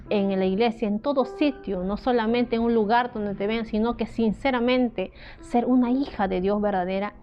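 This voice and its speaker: A Peruvian woman with a Peruvian Spanish accent giving an earnest, halting personal testimony in a sermon, often tagging her sentences with a questioning "right?". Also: fairly high pitch. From Peru. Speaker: ministry speaker. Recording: dull lo-fi audio with faint music.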